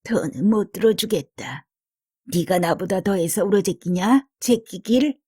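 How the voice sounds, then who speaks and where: Woman doing a foul mouthed old korean granny, husky and breathy, grumbly rustic talk, audiobook. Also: medium pitch, unhurried, mellow, no echo, clean studio sound. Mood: angry scolding. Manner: foul-mouthed, muttering, scolding in rustic dialect.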